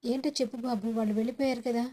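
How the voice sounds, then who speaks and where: A woman voicing a gentle middle-aged aunt who coaxes a young man over tea, in a spoken serial recap. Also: fairly high pitch, fairly even intonation, very fast, natural voice. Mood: coaxing. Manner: coaxing, homely.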